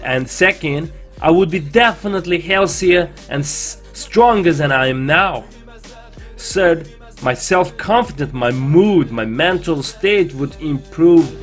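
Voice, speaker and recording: A man narrates a personal vlog in a fairly high voice with a non-native English accent. His phrasing is earnest and deliberate, and soft music plays behind him. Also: expressive. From China. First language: not English. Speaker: vlogger. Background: background music.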